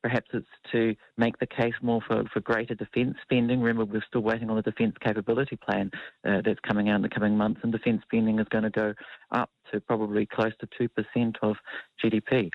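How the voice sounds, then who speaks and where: A man, a foreign policy analyst speaking in a measured, hedging way with frequent ums and uhs, heard with a tinny radio-speaker sound. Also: fairly low pitch, little pitch movement, no echo. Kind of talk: radio news interview. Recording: dull lo-fi dry radio sound.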